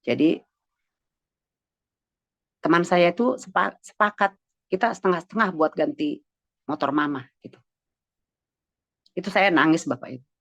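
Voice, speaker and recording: A woman's voice: fairly low pitch, normal speed, gravelly, long pauses, fairly bright tone, no echo. A middle-aged woman leading a morning devotion, earnestly sharing a personal testimony and speaking straight to her listeners. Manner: earnest, addresses listeners directly.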